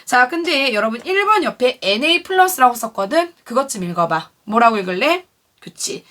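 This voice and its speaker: A woman's voice: on the high side, very animated, fairly quick, a bit bright, far from the mic. A woman teaching a chemistry lesson to a class, who keeps asking questions and then answers them herself. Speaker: science teacher. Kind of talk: classroom lecture.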